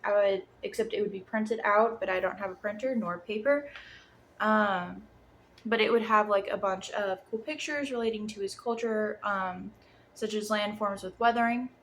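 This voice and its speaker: A woman's voice: mid-range voice, fairly bright tone. Young female student teacher, slightly muffled sore-jaw speech, informal and hesitant, noisy home recording. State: sore jaw after wisdom tooth removal. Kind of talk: informal lesson plan presentation. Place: apartment room. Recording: clear background room noise.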